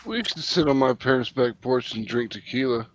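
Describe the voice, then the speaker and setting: A man's voice: medium pitch, animated, brisk, no room sound, highs cut off. A man telling an anecdote in casual chat, taking his time and laughing often.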